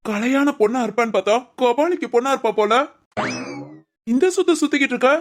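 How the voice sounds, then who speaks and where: A man's voice: very high voice, animated, quick pace. A man playing a playful young husband who teases and pleads with his angry wife in a comic family skit. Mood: teasing. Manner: teasing, pleading, wheedling. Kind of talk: comic family drama acting.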